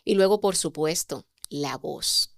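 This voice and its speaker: A woman, a communication mentor, explaining sales techniques as a podcast guest with expressive delivery and rhetorical questions. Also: low voice, slow, gravelly, no echo, studio quality.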